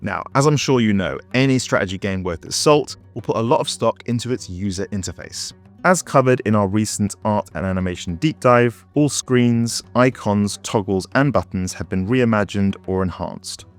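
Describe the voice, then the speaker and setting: A man's voice: fairly low pitch, moderate pace, hardly any pauses. A man presenting as a game developer in scripted promotional narration, with wry, playful asides. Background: background music.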